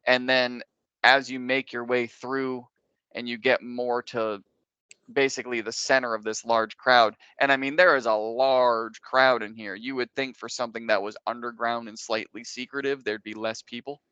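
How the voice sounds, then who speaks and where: Male game master, bright forceful voice, casual halting explanations, improvised narration, very dry room. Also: medium pitch, flat delivery, clear, resonant tone, dry recording, lo-fi sound.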